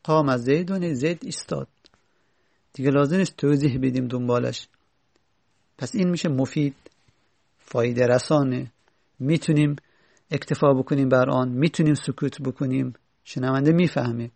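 Gravelly man teaching Arabic grammar. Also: medium pitch, pauses often, darkish tone. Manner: reads Arabic lines, then explains them step by step. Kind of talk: explaining an Arabic grammar text.

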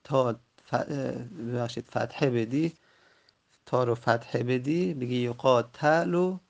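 A man teaching grammar from a textbook, patiently repeating word forms and spelling them out slowly. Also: mid-range voice, vocal fry, highs cut off. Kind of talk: recorded lesson explaining a textbook.

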